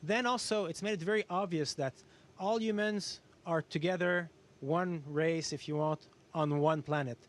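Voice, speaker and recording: Higher-voiced man explaining things simply. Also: normal speed. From Canada. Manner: explains simply with everyday comparisons. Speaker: astronaut guest answering students. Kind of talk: educational question-and-answer talk.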